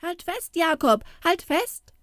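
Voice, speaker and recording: A woman's voice: very high voice, animated, unhurried, no room sound, studio quality, pitched above the performer's own voice. A woman voicing a rowdy crowd of mocking street boys calling out and jeering. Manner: cheering, jeering calls.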